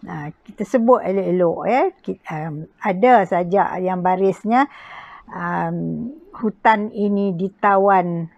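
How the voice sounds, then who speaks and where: A woman with a Malaysian accent teaching poetry recitation in an informal lecture, halting often and adding little checking tags. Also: on the low side, creaky, a little mellow, no echo, dull audio. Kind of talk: informal spoken lecture with examples.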